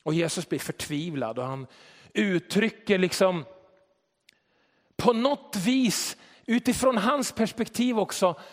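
High-voiced preacher in a reverberant hall. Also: male voice, expressive. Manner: storytelling, reflective, rhetorical questions. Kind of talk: sermon.

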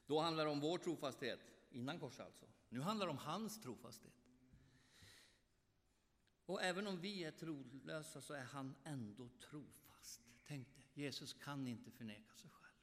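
A man preaching a sermon, emphatic, with loud outbursts and quiet asides. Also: a little high, big-room sound.

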